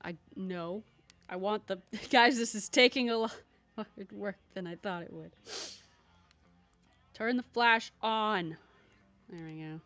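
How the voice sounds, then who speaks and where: Bright, giggly young woman streamer. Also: medium pitch, slow, long pauses, soft background music. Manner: playful, giggly, chatting to viewers while eating. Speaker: livestream host. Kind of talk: casual livestream chat.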